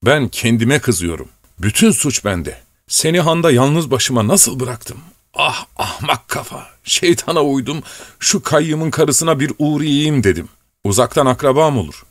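A man's voice: mid-range voice, animated, measured pace, no echo, pitched above the performer's own voice. A man voicing a devoted old male servant who scolds, frets and pleads tearfully. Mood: tearful lament. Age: older. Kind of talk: audiobook character voice.

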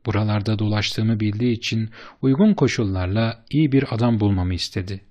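A man voicing an eager, flattering bearded businessman who speaks with emphatic enthusiasm in an audiobook. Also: fairly low pitch, brisk, muffled recording, natural voice. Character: eager, fast-talking bearded businessman, middle-aged man.

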